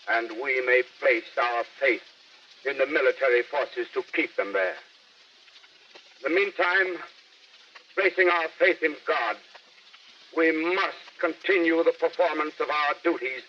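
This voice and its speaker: An actor playing a solemn male government official giving a formal address to the nation in a 1930s radio drama, heard through an old AM radio broadcast. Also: a little high. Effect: old AM radio broadcast sound. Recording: distant, muffled 1938 radio broadcast with hiss.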